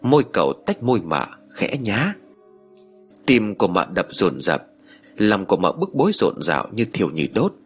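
Male audiobook narrator, husky, lively pitch, faint music under. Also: normal speed. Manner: expressive, dramatic. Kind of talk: storytelling narration.

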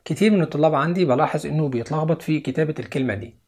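A man's voice: fairly high pitch, racing, darkish tone. A young man with an Egyptian Arabic accent teaching an English lesson on video, explaining step by step and repeating each word twice.

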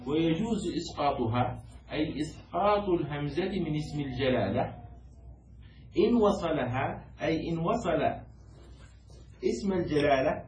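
A man teaching Islamic law to a class, explaining a text and often checking that his students follow. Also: on the high side. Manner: quizzes students and has them repeat words. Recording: echoey room, distant mic, faint noise.

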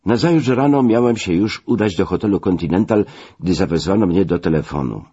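Deep, husky male narrator. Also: a little fast, mellow. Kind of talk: audiobook memoir reading. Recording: dull lo-fi recording.

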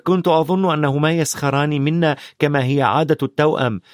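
A man's voice: a little high, fast talker, no room sound, clean studio sound, pitched above the performer's own voice, natural voice. A man reading a shy, curious young boy.

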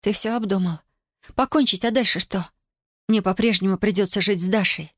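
A woman's voice: medium pitch, fairly even intonation, normal speed, dry recording, studio quality, close to an everyday voice. A woman doing a torn, pleading teenage girl. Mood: heated.

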